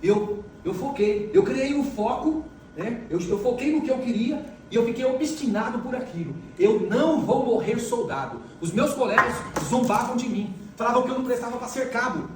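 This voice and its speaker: Speaking at a moderate pace in an extremely high, animated voice, a middle-aged man delivers a motivational talk full of emphatic stories and repeated phrases. The large hall is echoey, the mic sits far off, and faint noise lingers.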